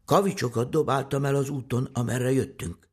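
A man's voice: mid-range voice, steady tone, a little mellow, breathy edge, pitched above the performer's own voice, lightly acted. Storybook little boy, brave and reassuring, raised and eager, played by a male narrator.

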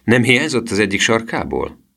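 A man's voice: fairly low pitch, big pitch swings, creaky, bright, forceful tone, voice pushed up, heavily acted. A man voicing a stern male bank cashier in an audiobook reading, strict and questioning.

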